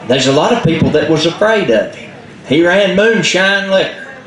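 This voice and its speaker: A storyteller from southern Appalachia tells folk tales casually and unscripted, in a folksy style with dramatic pauses and a Southern Appalachian accent. His voice is on the high side and fairly bright, with lively intonation. The recording is from an echoey room with background noise.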